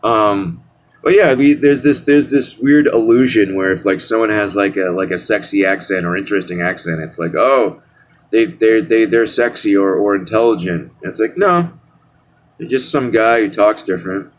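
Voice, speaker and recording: A man's voice: on the low side, moderate pace. A young man in a casual vlog rant, sarcastic and rambling, full of restarts and fillers. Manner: mocking singsong asides. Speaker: vlogger. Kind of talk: casual ranting monologue.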